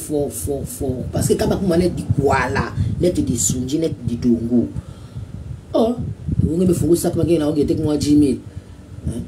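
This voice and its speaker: A man with a Congolese accent, hosting a radio show in a rambling, repetitive monologue full of filler sounds. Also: on the high side. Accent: Congolese (Brazzaville). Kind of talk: casual commentary monologue. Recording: distant mic with a noisy background.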